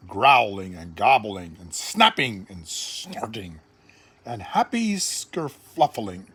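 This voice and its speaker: Reading a children's storybook aloud, a grandfather in his later years uses a medium pitch and dramatic, deliberate, expressive phrasing.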